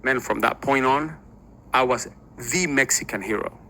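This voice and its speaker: A man telling prison stories in casual conversation, animated and acting out other people's lines. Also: mid-range voice, normal speed, gravelly, a little hiss or hum, low-quality recording. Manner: animated, acts out voices in anecdotes, swears casually. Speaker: former inmate guest. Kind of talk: casual storytelling chat.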